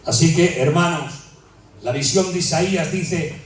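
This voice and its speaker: A man preaching with a high, ringing voice in a large church hall. His delivery is impassioned and repetitive, rising into cries. The recording is very echoey and picks him up from a distance. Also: a little slow, a little hiss or hum. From Spain. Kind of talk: sermon.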